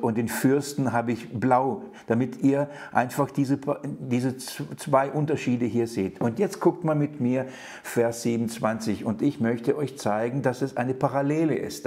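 A man's voice: medium pitch, mellow. A man preaching an earnest Bible teaching, speaking emphatically with frequent restarts and fillers and putting questions straight to his listeners. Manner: addresses listeners directly with questions. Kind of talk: sermon-style Bible teaching.

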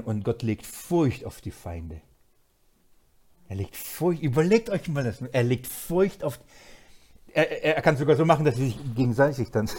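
A man preaching a sermon, moving from quiet asides to loud, emphatic passages and laughing often. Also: mid-range voice.

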